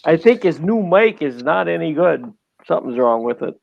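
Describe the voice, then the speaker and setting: A man's voice: fairly high pitch, big pitch swings, normal speed, vocal fry, highs cut off, a little hiss or hum. A man chatting on a livestream as a guest, plain-spoken and joking. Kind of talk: casual chat.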